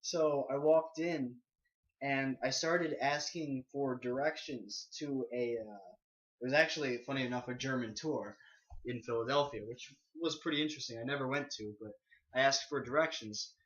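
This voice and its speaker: A man's voice: medium pitch, moderate pace, fairly bright tone. Hesitant man on a lo-fi podcast. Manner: hesitant, many ums and restarts, laughs while telling stories. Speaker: podcast co-host. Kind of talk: casual podcast chat.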